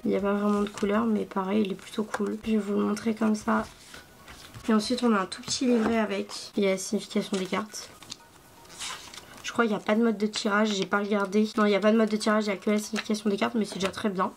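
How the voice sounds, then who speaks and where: A woman's voice: on the high side, a little hiss or hum. A woman hosting a casual vlog about her card collection, chatty and gushing, with lots of fillers and asides. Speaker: cartomancy video host.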